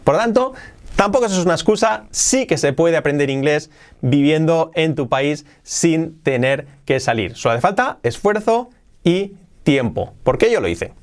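Lively Spanish man teaching English. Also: a little high. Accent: Spain Spanish. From Spain. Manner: lively, repeats himself, quick asides and laughs. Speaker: English teacher, channel host. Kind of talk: casual video lesson to camera.

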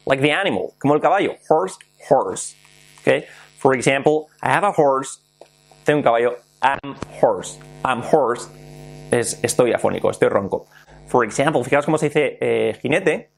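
A man's voice: medium pitch, animated, gravelly. Playful Spanish-accented English teacher, man. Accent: Spain Spanish. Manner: playful, spells words letter by letter, repeats examples slowly. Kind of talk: bilingual video lesson.

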